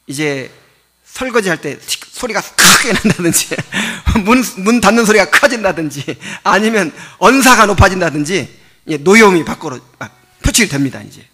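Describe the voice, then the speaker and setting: A man's voice: sits high, lively intonation, normal speed, sharp tone. A male pastor giving a sermon in a conversational, explaining way, asking his listeners rhetorical questions and chuckling often. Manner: chuckles often while teaching.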